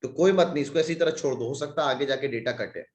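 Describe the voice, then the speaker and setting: A man's voice: mid-range voice, fast talker, darkish tone, roomy sound. A man teaching a maths class online, working sums aloud step by step with joking asides, slightly stuffy from a cold. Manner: talks through sums step by step, jokey asides.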